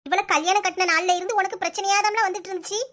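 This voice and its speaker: A woman voicing a shrill, nagging cartoon mother-in-law with a Kanyakumari accent. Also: steady tone, a bit bright. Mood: scolding. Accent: Kanyakumari Tamil. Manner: scolding, rapid-fire nagging. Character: sharp-tongued older mother-in-law, bossy. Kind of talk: comic cartoon voice acting.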